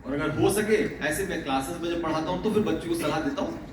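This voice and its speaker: A man's voice: fairly high pitch, quick pace. A male teacher giving a motivational talk to students in a fatherly way, laughing often. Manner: fatherly, calls listeners "beta", often laughing. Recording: very echoey, distant mic, faint noise.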